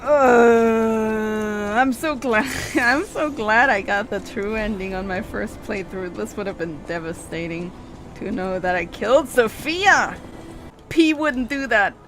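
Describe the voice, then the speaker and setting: A woman streamer chats casually over her playthrough, swearing freely and laughing along. She talks at an unhurried pace in a mid-range voice. Clear game music plays behind her. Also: mid-range voice, expressive, a bit bright. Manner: chatty, swearing, laughing asides. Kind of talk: casual gaming commentary.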